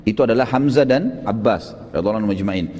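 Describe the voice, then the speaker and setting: A man preacher telling a religious story as a vivid storyteller, often rising into loud exclamations and addressing listeners as friends. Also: fairly low pitch, animated, fast, long reverb tail. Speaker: Islamic preacher.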